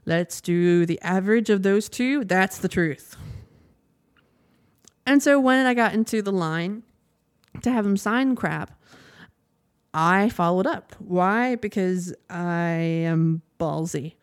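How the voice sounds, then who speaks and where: Slow and clear, this young woman's lowish, resonant voice carries a casual podcast monologue in which she rambles chattily through a story, laughing often. The studio recording is clean, with no room sound.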